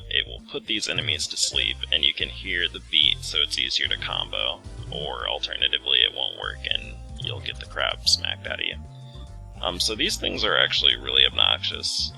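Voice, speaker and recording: A man's voice: extremely low pitch, gravelly, sharp tone. A man hosting a let's play with casual, rambling, self-deprecating game commentary.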